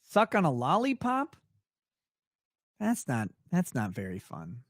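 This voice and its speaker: Speaking slowly with huge swings in pitch, a man whose voice isn't deep reads viewer questions on a casual late-night stream and answers them in a crude, blunt, cursing style. The studio sound is clean with no room sound.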